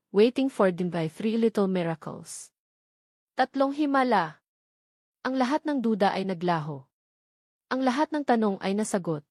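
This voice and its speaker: Speaking with a Filipino accent, this woman narrates a scripted romance story in a dramatic audiobook style. Her mid-range voice is a little mellow, captured in a dry, studio-quality recording.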